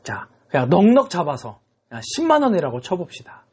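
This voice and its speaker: Husky-voiced man preaching to children. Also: high-pitched, fairly quick. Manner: animated, constantly checking in with kids. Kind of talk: children's sermon storytelling.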